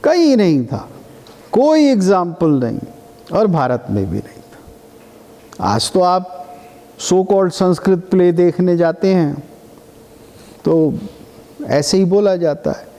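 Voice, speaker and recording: A man's voice: sits high, sing-song, slow pace, long pauses, dark tone. A man giving a classroom lecture, explaining patiently and breaking now and then into chanted demonstrations. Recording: reverberant lecture hall.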